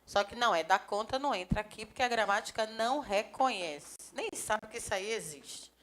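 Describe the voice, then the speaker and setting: A grammar teacher with a mid-range voice talks a little fast in a lively, chatty live lecture for a civil service exam course. She acts out short dialogues, chats with the class, and often highlights things with "ó."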